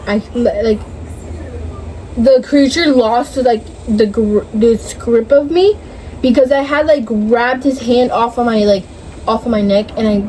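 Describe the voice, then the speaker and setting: A woman's voice: sits high, mellow, a little hiss or hum, poor audio. A young woman casually telling a dream story in a hazy, puzzled way, groping for words and swearing often.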